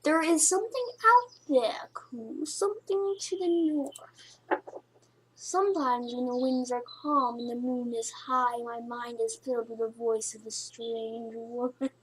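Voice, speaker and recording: A woman's voice: a little high, steady tone, unhurried, breathy edge, pitched below the performer's own voice, rough recording. A woman doing a Cathbad-style mysterious old druid. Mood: solemn. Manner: attempted accent, slurred into gibberish.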